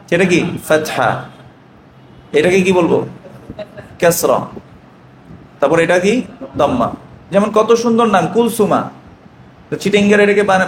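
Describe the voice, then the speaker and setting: A man's voice: sits high, roomy sound, a little hiss or hum. A man with a Bangladeshi Bengali accent teaching an Arabic grammar class, asking questions and answering them himself.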